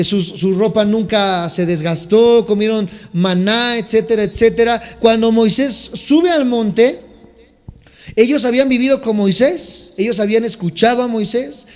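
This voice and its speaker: A pastor preaches to his congregation, teaching the meaning of scripture words and asking listeners to answer back. His voice sits high for a man. The sound carries a long reverb from the church hall. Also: darkish tone. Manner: teaching Bible words, asks congregation to respond. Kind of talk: sermon. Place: church sanctuary.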